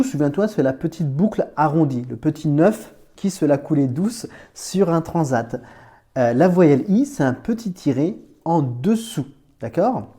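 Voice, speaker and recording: A man's voice: on the high side, dark tone. A man teaching Arabic reading in an informal, patient way, repeating each point and using playful images to help a learner remember letters. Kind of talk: informal explanatory lesson.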